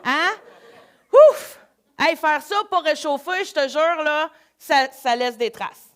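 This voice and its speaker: A woman with a Québécois accent, leading a live laughter workshop in an energetic, coaxing way. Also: high voice, measured pace. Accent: Québécois French. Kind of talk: live workshop talk to an audience.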